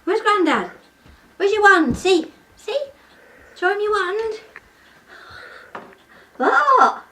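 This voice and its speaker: An older woman, coaxing a toddler in sing-song baby talk at home, sometimes dropping to soft murmurs. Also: extremely high pitch, lively intonation, slow, echoey room. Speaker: grandmother playing with a toddler. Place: family home, indoors. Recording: distant home-video audio with background noise.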